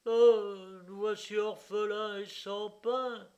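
A man voicing a self-pitying German showman who wails loudly in a shrill, lamenting voice. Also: flat delivery, takes it slowly. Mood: wailing.

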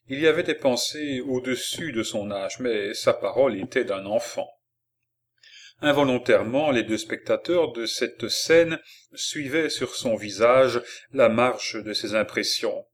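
A man reading an audiobook of a classic novel with measured, expressive narration. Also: medium pitch. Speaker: audiobook reader.

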